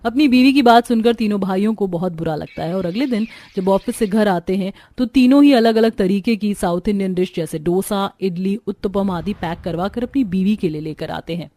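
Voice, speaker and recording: A woman narrating a cartoon story in a brisk storytelling voice. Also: medium pitch, warm tone.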